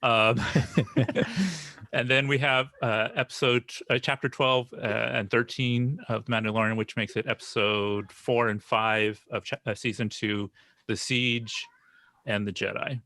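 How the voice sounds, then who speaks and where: A man in his fifties talking casually on a podcast, rambling and restarting as he goes. His voice is bright and forward, recorded dry and close with no room sound. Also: mid-range voice, little pitch movement, normal speed, dry recording. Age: 50s. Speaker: podcast producer. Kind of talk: casual chat.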